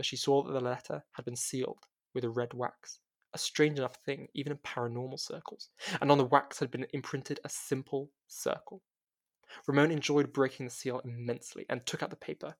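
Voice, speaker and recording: A man narrating a storybook in a steady, plain reading voice at a middling pitch. He reads evenly and calmly, now and then catching and restarting a word. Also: fairly quick.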